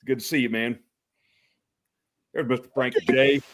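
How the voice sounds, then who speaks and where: A man's voice: mid-range voice, steady tone, normal speed. Chuckling man greeting livestream viewers. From Texas. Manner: friendly, calls people brother, chuckles often. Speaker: talk show host.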